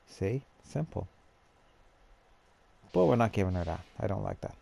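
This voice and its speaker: Low gravelly man musing aloud. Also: very animated, normal speed, warm tone. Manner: chatty, thinks aloud, talks to himself. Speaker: gamer building a character. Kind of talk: casual gameplay commentary.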